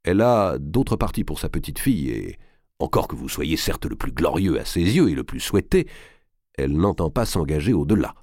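Loyal old envoy, read by a man in his own deep voice, earnest and respectful. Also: sing-song, moderate pace, darkish tone, dry recording, studio quality, heavily acted. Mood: deferential. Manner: deferential, earnest.

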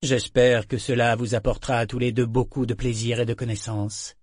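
A man voicing a cold, controlling male pirate captain with a smooth, threatening manner. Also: medium pitch, level tone, brisk, darkish tone, no room sound, studio quality, natural voice. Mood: menacing.

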